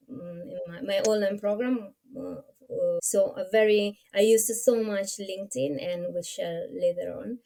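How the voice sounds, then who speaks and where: A woman's voice: medium pitch, warm tone. A woman in her forties from Italy with an Italian accent, presenting a webinar as co-host and using non-native phrasing and fillers. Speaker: co-host, nurse career coach.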